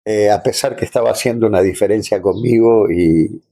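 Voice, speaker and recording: Speaking as an interview guest, this Argentine-accented man recounts personal anecdotes in a relaxed way, stopping to find his words and adding small check-in tags. His pitch is fairly low, with a gravelly, dark tone.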